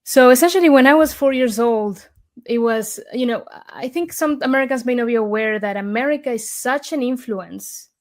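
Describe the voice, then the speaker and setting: At a moderate pace and a slightly high pitch with a darkish tone, a young Argentine interview guest speaks sincerely from the heart. The conversation is full of her fillers and false starts.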